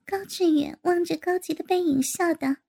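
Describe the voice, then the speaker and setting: A woman narrating an erotic audio story in a steady storytelling manner. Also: very high-pitched, normal speed, creaky.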